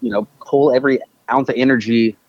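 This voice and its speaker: A business owner appears as a podcast guest by phone, talking casually and thoughtfully while filling gaps and correcting himself frequently. His medium-pitched voice is fairly even and fairly quick. The phone line sounds dull.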